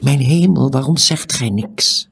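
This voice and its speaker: A man voicing a mysterious hooded old man in an audiobook, in a whispered role-play, hushed, urgent and pleading. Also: mid-range voice, slow pace, creaky, slightly rough, pitched above the performer's own voice, heavily acted.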